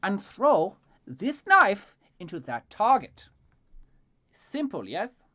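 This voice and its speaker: Impatient male circus boss for tabletop role-play, played by a man: raised pitch, brusque, commanding, mocking. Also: huge pitch swings, slow pace, pushed and bright, exaggerated voice. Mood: condescending.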